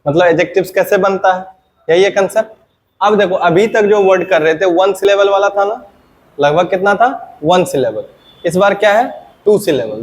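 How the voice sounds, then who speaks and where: A man teaching English grammar in a classroom lesson. He often asks a question, answers it himself in a lower voice, and checks whether the class has understood. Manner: asks questions then answers them himself, dropping low on the answers.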